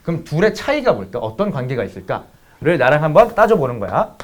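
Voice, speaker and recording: A man teaches math in a casual lecture, working in a blunt personal story full of profanity. He swears freely and talks straight to his students, his voice a little high, sing-song, and a little fast.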